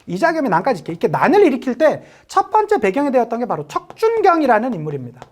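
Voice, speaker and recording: A woman's voice: a little high, wildly swooping pitch, racing, darkish tone. A woman teaching an exam-prep history lecture, chatty and joking, often acting out little quotes.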